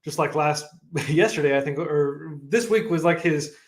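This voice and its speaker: On a livestream, a guest who founded a coding nonprofit talks at a moderate pace in a slightly high voice. He's casual and chatty, laughs often, and fills his speech with fillers and restarts. The audio carries room echo.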